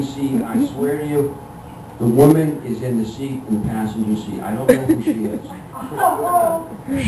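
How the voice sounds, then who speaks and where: Middle-aged male comedian, slightly high voice, exasperated self-deprecating storytelling, halting delivery, noisy recording. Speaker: stand-up comedian. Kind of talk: live comic storytelling to an audience. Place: live room with an audience. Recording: echoey room, distant mic, clear background noise.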